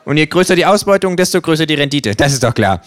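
A man's voice: fairly high pitch, animated, quick pace, pitched above the performer's own voice, close to an everyday voice. A man reading aloud, voicing a cynical, mocking male kangaroo who talks in a sarcastic, provocative way. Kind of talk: reading aloud with character voices.

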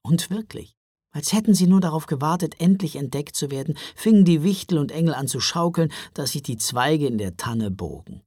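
A man narrates a children's Christmas tale with very animated, sweeping intonation. His delivery is expressive and storybook-like, recorded dry and close. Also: on the high side, normal speed, no room sound. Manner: expressive, wide-ranging delivery.

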